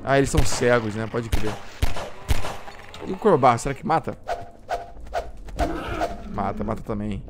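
A man with a Brazilian Portuguese accent giving let's-play commentary, jumpy and quick to yelp and swear when startled. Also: medium pitch, heavy background noise. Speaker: gameplay streamer.

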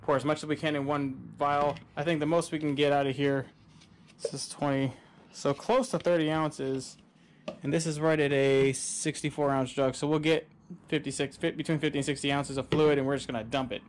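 This man's voice sits on the high side, with a level tone and a normal pace. He's an adult father of a son who hosts a boat-building channel, casually walking through each step of his work in a practical, easygoing way. He records on a wearable camera outdoors, in a driveway workshop next to a boat.

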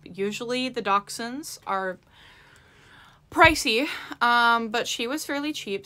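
A young woman chatting casually through a toy unboxing vlog, with many "um" fillers and bursts of excitement. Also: medium pitch. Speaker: toy collector vlogger.

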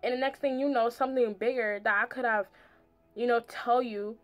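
A young adult woman with a fairly high, fairly even voice talks briskly through a rambling, slangy storytime while doing her makeup, saying "like" constantly. She's in a small indoor room with music playing in the background, and a little hiss or hum is audible.

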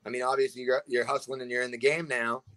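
A man's voice: medium pitch, little pitch movement, fast, fairly bright tone. A man, a guest on a video call, talking in a rambling way and often asking "you know what I mean". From Massachusetts. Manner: rambling, repeats 'you know what I mean'. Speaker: guest, combat sports promoter. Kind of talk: casual video call chat. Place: indoor room at home. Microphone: video call webcam.

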